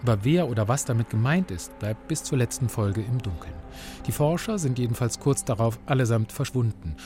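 A man's voice: mid-range voice, animated, brisk, dark tone. German radio critic, man, over faint music. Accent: standard German. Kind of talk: scripted radio review narration.

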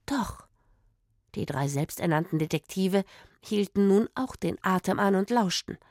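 A woman narrating a children's audio story with expressive delivery, growing hushed in suspenseful moments. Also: medium pitch, dry recording, clean studio sound.

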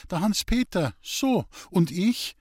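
A man's voice: high voice, big pitch swings, slow, darkish tone, slightly rough, dry recording, clean studio sound, pitched above the performer's own voice, heavily acted. A man voicing Julei, a coy, pouting young peasant girl with a dialect.

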